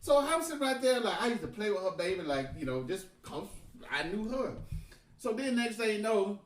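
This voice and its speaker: A man's voice: high-pitched, a little fast, recorded from a distance. Profane man telling a story. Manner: profane, animated, laughs often. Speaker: podcast guest storyteller. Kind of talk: casual storytelling. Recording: echoey room, off-mic.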